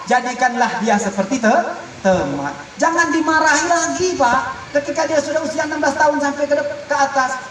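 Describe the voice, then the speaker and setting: A man preaching a sermon, lively and acting out quoted parents and children, sometimes shouting. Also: extremely high pitch, far from the mic. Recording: echoey room, voice from off-mic, faint noise.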